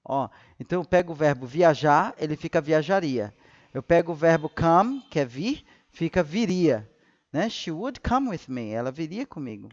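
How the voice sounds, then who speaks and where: A man's voice: a little high, very animated, moderate pace, highs cut off. A man teaching English in a live class, patiently repeating example sentences.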